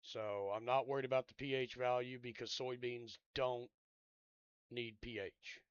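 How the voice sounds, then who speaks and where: A man's voice: mid-range voice, steady tone, unhurried, clean tone, no echo, muffled recording. Laid-back man rambling over dry gameplay. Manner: rambling, thinks out loud with trailing-off asides; laid-back and drowsy, yawns. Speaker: gameplay commentator. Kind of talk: casual game commentary.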